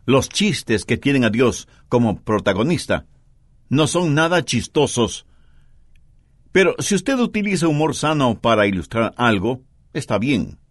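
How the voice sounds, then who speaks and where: A man's voice: a little high, no echo, studio quality. A man preaching an earnest sermon, telling stories and making points with strong emphasis.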